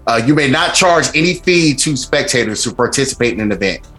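Animated, slangy man ranting over background music. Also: mid-range voice, a little fast. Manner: slangy, blunt, swears freely. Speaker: streamer host. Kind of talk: casual ranting commentary on gaming rules.

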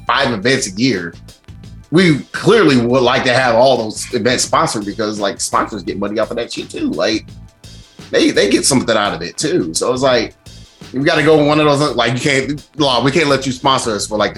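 A man's voice: mid-range voice, expressive, brisk, a bit bright, soft background music. A man giving a casual, blunt streamer's commentary on gaming rules in loose slang, swearing freely. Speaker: streamer host.

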